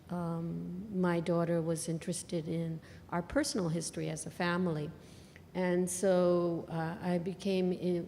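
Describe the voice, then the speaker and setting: A woman from Bangladesh, an artist, talking about her work in a live on-stage interview with thoughtful pauses between phrases. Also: lowish voice, a little mellow, big-room sound, a little hiss or hum.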